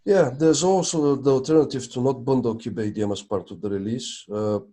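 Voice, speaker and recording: A man's voice: medium pitch, fairly quick, warm tone. A man talking casually on a video call during a technical meeting, thinking aloud as he checks documents. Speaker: project maintainer in a video meeting.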